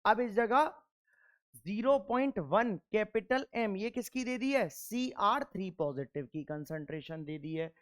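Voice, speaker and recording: A man's voice: high voice, expressive, measured pace, a bit bright. A male chemistry teacher giving a classroom lecture. He works through problems, keeps asking questions and answering them himself, and drills his points sternly and emphatically through repetition.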